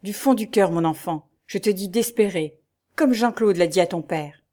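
A woman's voice: medium pitch, normal speed, lightly acted. A kindly fatherly priest, read by a woman. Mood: reassuring. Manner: earnest, gentle and reassuring. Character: kindly paternal old male priest.

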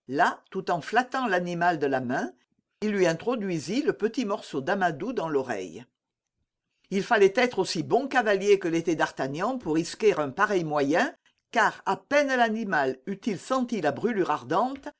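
Narrator for a classic adventure audiobook; animated, rising and falling delivery. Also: mid-range voice. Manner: lively, animated storytelling. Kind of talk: expressive audiobook reading of a classic novel.

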